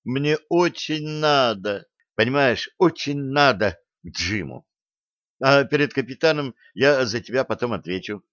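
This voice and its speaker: A man voicing a bossy, quick-tempered young woman who snaps her orders. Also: mid-range voice, lively intonation, fairly bright tone, no echo, lo-fi sound. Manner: bossy, snapping.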